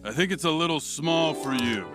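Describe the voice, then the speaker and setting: A man voicing a deadpan cartoon hamster. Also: a little high, moderate pace, natural voice. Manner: deadpan, sarcastic. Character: dry-witted male pet hamster sidekick. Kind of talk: cartoon voice acting. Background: background music.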